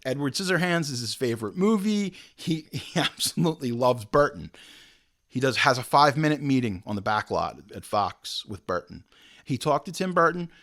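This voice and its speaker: Male host, casual film commentary, very expressive pitch, jokey asides, middle-pitched voice. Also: normal speed. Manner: animated storyteller, jokey asides. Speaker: show host.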